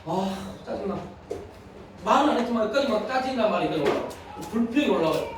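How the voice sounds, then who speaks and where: High-voiced male pastor in echoey church. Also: expressive, very fast, background noise. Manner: earnest, telling a personal story. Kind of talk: sermon. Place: church sanctuary. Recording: echoey hall from far off.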